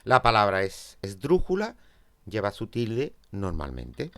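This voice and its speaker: Spanish teacher from Spain, lively and unhurried. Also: male voice, lowish voice. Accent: Peninsular Spanish. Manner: explains step by step, checks in with "¿vale?". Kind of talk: grammar lesson.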